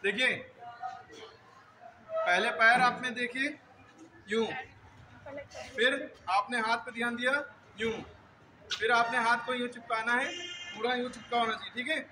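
Teaching drill positions in a classroom, a male teacher speaks in an extremely high, level voice, a little slowly and with long pauses. He goes step by step and frequently checks whether students follow, over background noise.

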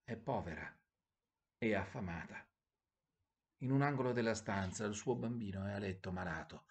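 A man voicing a gentle, grieving prince statue in a storybook, speaking soft and low. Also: moderate pace, close to an everyday voice. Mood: sorrowful.

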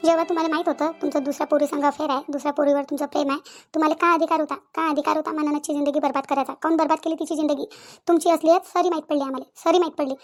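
A woman's voice: sits high, fairly even intonation, rapid-fire, faint music behind, natural voice. A woman voicing a chatty young sister-in-law in a village cartoon, bickering and confronting.

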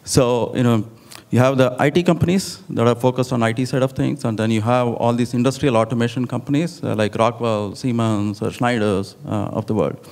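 A middle-aged man speaking on a conference panel into a handheld mic, explaining at a measured pace with frequent "you know". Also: medium pitch, fairly even intonation, vocal fry, a little mellow. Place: large conference hall stage. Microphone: handheld microphone.

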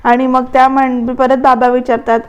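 A woman's voice: high voice, flat delivery, moderate pace, highs cut off. A woman narrating a voice-over recap of a television serial, retelling scenes conversationally with asides to viewers.

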